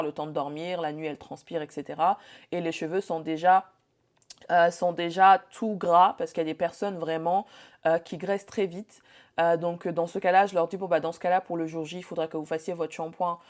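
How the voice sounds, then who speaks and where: Young woman, lowish voice, chatty beauty-business coach who rambles with fillers. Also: darkish tone. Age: young adult. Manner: chatty, many fillers and restarts. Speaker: bridal hair and makeup artist teaching business. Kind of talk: casual spoken training talk.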